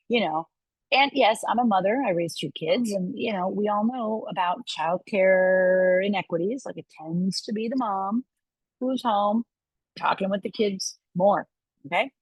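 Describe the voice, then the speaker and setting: A middle-aged woman giving a university lecture in a lively way, often checking in with her listeners. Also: medium pitch, breathy edge, no echo, low-quality recording. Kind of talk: lecture to a live audience.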